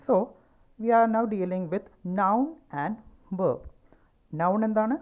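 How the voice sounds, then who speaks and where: In a pronunciation lesson, a woman teacher with a Malayali accent speaks at an unhurried pace, saying words again to highlight stress. Her voice sits in the mid range, and the sound is phone quality.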